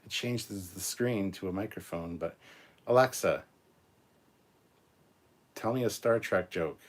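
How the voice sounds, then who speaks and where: A man in his forties hosting a live stream, chatting casually and answering viewer comments in a rambling, relaxed way with many ums and restarts. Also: deep voice, measured pace. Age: 40s.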